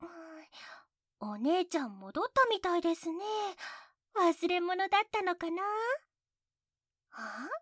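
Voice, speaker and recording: A very high, sugary voice of a sweetly scornful young woman, as an actress plays her in an intimate audio role-play, polite in form but mocking in tone. She slips often into close, soft whispers. The sound is very dry and sits right on the mic. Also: sing-song, measured pace, pauses often, dry recording, full character voice. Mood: teasing. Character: teasing, mocking adult woman, girlfriend's younger sister.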